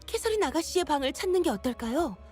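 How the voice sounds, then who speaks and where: An actress playing a video game character in a dramatic story scene. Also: female voice, high voice, sing-song, very fast, a little mellow, soft background music. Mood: thoughtful, familiar. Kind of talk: game voice acting.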